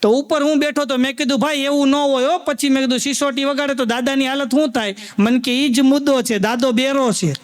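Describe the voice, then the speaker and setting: Man, stand-up comedian, very high voice, folksy live storytelling. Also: steady tone, a little fast, few pauses. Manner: folksy storyteller addressing the audience as sir, acting out old folks.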